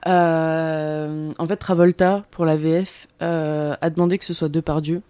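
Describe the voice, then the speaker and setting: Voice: medium pitch, flat delivery, measured pace, mellow, smooth, no echo. Guest telling an anecdote on a film chat show. Tentative delivery, dry close sound. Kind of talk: casual film discussion.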